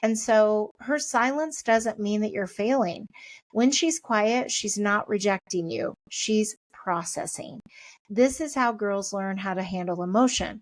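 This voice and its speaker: A middle-aged woman hosting a parenting podcast, giving a chatty, encouraging pep talk and talking things through out loud. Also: mid-range voice, measured pace, no echo.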